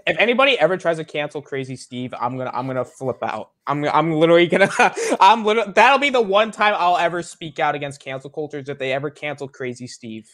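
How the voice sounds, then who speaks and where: A young co-host on a casual pop-culture podcast, slangy and animated, who laughs often. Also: medium pitch, fast, hardly any pauses. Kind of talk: casual chat.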